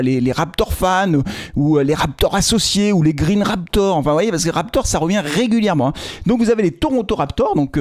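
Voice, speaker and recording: Male video commentator, casual and jokey, talking straight to his viewers; bright, expressive delivery in a dry booth. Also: on the high side, no echo. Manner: chatty and joking, addresses viewers directly; frequent fillers and restarts. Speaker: football club video commentator.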